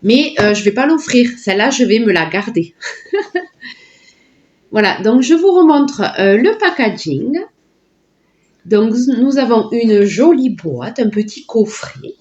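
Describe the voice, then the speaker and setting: Woman doing a chill unboxing, slow and gushy, kinda dull lo-fi audio. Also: on the high side, big pitch swings, a little mellow. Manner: chatty and delighted, full of filler words. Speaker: vlogger unboxing a product. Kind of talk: casual sponsored unboxing chat.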